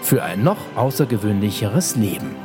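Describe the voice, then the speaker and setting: A man delivering a podcast intro as booming, emphatic motivational speech. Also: animated, normal speed, music in the background.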